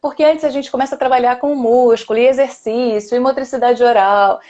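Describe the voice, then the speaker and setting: A woman's voice: a little high, fairly even intonation, brisk, highs cut off. A middle-aged woman hosting a casual online live chat as a speech therapist, enthusiastic and chatty, often tagging sentences with a questioning "né". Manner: warm, enthusiastic, many "né?" tags.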